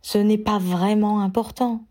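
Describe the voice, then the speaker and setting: A woman's voice: medium pitch, steady tone, unhurried, dark tone, close to an everyday voice. A woman reading a storybook, voicing a reassuring young woman who plays things down. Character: young adult woman, soothing and downplaying.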